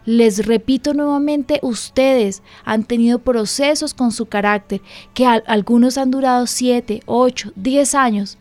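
A woman's voice: fairly high pitch, a little slow, hardly any pauses, a little mellow, dry recording. A woman pastor hosting a radio program, giving emphatic, earnest parenting advice in a conversational way. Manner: earnest, emphatic, acts out dialogue with her child.

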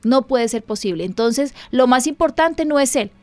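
A woman pastor and radio host speaks with earnest emphasis, slightly high in pitch. The sound is dry and close, with no room behind her. She talks through parenting points in a conversational way. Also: lively intonation, moderate pace, a little mellow, no room sound, faint music behind. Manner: earnest, emphatic, acts out dialogue with her child. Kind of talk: conversational parenting advice talk.

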